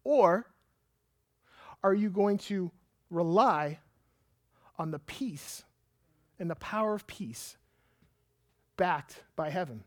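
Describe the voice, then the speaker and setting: Animated pastor man, dry close sound. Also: high-pitched, slow pace, long pauses, no room sound. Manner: animated, emphatic storyteller. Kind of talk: sermon with personal storytelling.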